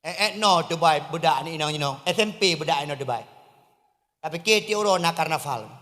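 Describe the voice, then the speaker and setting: Preaching with humor to a gathered crowd in a mosque courtyard, this man from Aceh, Indonesia, speaks with an Acehnese accent at a moderate, expressive pace. His voice alternates between hushed remarks and booming calls, with the audio carrying a big-room quality.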